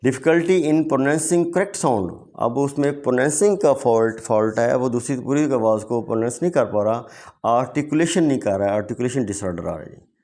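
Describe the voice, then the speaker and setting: A male teacher taking his students through exam questions, one at a time. He reads each question out slowly, then hurries through a plain explanation. His voice sits at an ordinary middle pitch. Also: darkish tone. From Pakistan. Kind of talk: exam-prep lecture.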